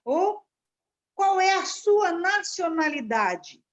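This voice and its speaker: A woman with a high voice works through a Bible passage in a study class, with many pauses and restarts. The sound is dull and lo-fi. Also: very animated. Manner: searching, halting delivery with restarts. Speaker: class participant.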